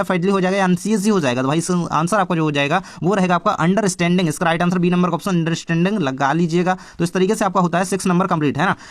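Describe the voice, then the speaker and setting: Young guy teacher w a high voice, reading exam questions out slow, dry close mic. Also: no echo. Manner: explains step by step, reads questions slowly, repeats "है ना". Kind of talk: exam paper walkthrough.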